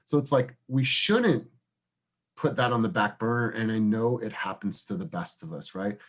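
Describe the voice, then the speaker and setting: A man's voice: fairly low pitch, animated, moderate pace. A man leading a casual team meeting over a video call, calling on people by name and encouraging them. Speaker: team leader. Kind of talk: casual group meeting chat.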